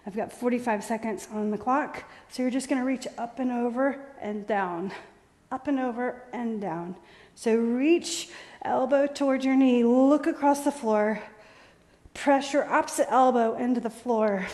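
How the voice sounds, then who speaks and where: A woman's voice: a little high, unhurried, a little mellow, long reverb tail. A woman leading a workout class as fitness instructor, calling out short, encouraging coaching cues.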